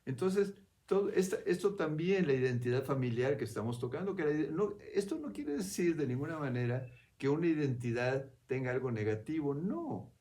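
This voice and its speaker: A man with a slightly raised voice gives a reflective spiritual talk. He speaks in an unhurried, conversational way and often turns to his listener for a quick nod. He restarts phrases as he works his thoughts out aloud. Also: fairly high pitch, big pitch swings, warm tone. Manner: conversational, keeps checking in with "¿ves?" and "¿no?".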